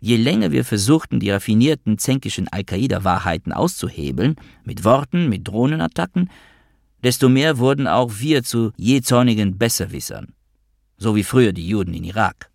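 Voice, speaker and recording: Low-voiced man narrating an audiobook. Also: lively intonation, normal speed, creaky, darkish tone, no room sound, clean studio sound. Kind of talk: first-person audiobook narration.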